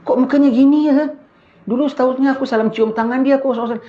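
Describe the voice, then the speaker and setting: Guy doing a dead student's ghost, squeaky high and mocking, kinda muffled lo-fi sound. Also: fairly even intonation, quick pace. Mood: incredulous. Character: dead male student's spirit, disillusioned, scornful. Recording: dull lo-fi recording.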